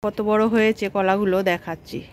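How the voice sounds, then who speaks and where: A woman's voice: mid-range voice, steady tone, fairly quick, a little hiss or hum. A middle-aged woman chatting casually and directly to her viewers as a family vlogger. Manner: conversational, addresses viewers directly. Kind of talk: casual home vlog chat.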